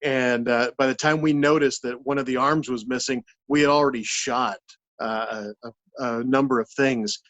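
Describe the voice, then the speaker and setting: A man talking casually as an interview guest, halting and repeating words as he searches for the next one. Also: mid-range voice, fairly even intonation, a bit bright, highs cut off. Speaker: puppeteer and voice actor, interview guest.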